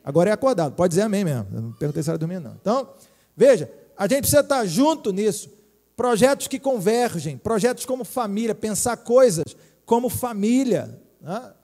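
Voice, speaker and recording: A man's voice: sits high, very animated, brisk, warm tone. A middle-aged Brazilian man preaching a sermon as a pastor, chatty and joking, checking in with the crowd. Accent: Brazilian Portuguese. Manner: joking, chatty preaching with many tag questions. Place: church hall. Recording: hall reverb.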